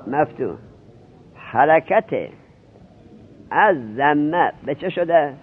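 A man teaching grammar, firing questions at his students and walking them through each rule. His voice sits a little high for a man. The sound is thin and narrowband, like an old phone line. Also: animated. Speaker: seminary teacher. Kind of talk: Arabic grammar lesson in Persian. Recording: tinny lo-fi narrowband recording.

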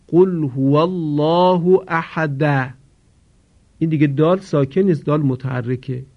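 A man teaching Quran recitation rules, explaining briskly, then chanting example words slowly for students to repeat. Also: medium pitch. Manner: slow drawn-out recitation of example words between quick explanations. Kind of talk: tajwid lesson with call-and-repeat recitation. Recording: dull lo-fi recording.

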